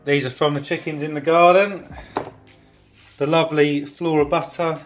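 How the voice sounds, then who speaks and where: Filming on a phone in his hand, a young home cooking vlogger jokes around and rambles casually as he cooks in his kitchen. He speaks at a moderate pace in a fairly high, flat voice over soft background music.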